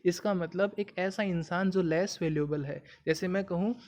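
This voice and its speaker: A man's voice: high voice, moderate pace, darkish tone. A man with a Hindi accent teaching English idioms in a video lesson, explaining patiently and asking the viewer questions.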